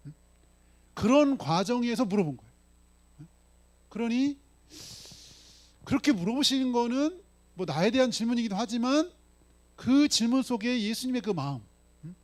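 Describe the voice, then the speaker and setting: A man's voice: extremely high pitch, animated, moderate pace, pauses often. A male pastor preaching a sermon in a casual, conversational way, often checking in with the congregation. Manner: voices his own lines for Jesus in dialogue.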